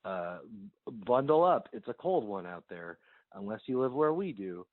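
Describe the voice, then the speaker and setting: A man's voice: lowish voice, normal speed, dry recording. Man host, loose joking chat, over a landline phone, tinny and dry. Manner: rambling, joking, relaxed. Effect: heard over a landline phone voicemail. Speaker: podcast host. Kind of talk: casual chat.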